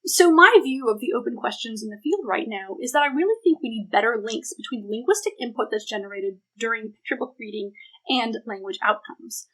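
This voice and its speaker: In a fairly high, somewhat bright voice captured on a rough recording, a woman researcher presents on an academic panel and answers questions. She's emphatic, thinking aloud as she lays out her ideas.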